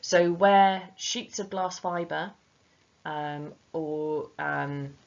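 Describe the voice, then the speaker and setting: Low gravelly woman teaching a revision lesson. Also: drawn-out words, dull audio. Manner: chatty, informal, addresses students directly.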